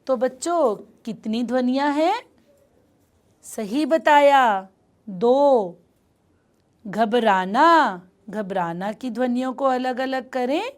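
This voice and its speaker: Lady teacher doing phonics for little kids, slightly high voice, says well done a lot. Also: animated, darkish tone. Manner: encouraging, praising often; drawn-out, clearly sounded-out words. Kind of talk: slow phonics lesson for small children.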